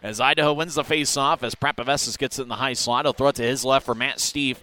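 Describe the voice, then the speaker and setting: A man giving rapid hockey play-by-play commentary as a game commentator, ready to burst into shouts on big chances. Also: mid-range voice, steady tone.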